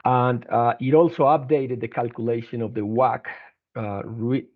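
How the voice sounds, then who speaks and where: On an earnings conference call, a male executive presents company financial results with halting, hesitant delivery and repeated restarts. His voice is medium-pitched and steady in tone, coming through a narrow, tinny telephone conference line.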